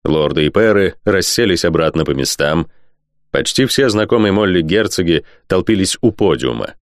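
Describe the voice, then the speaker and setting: A man with a very low voice narrates a fantasy audiobook. His reading is wry and expressive, rising and falling widely. The sound is dry and close. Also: normal speed, no echo.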